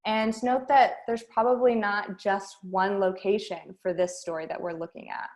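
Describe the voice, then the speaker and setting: A woman's voice: mid-range voice, fairly even intonation, normal speed, a little mellow. A woman, a speech and debate coach teaching an online workshop and guiding students through a string of questions.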